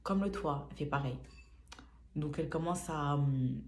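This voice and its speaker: A woman's voice: low voice, moderate pace. A young woman from France telling a personal story to camera in a casual, slangy way, acting out the dialogue. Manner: lively, slangy, acts out dialogue. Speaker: vlogger.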